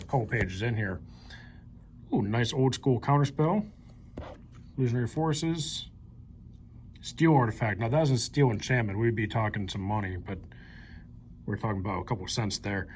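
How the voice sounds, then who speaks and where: A man's voice: medium pitch, a little mellow, slight background noise. A young man casually commenting as he pages through an old card collection, naming cards one by one in an upbeat, chatty way. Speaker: card collector channel host. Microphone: handheld camera mic.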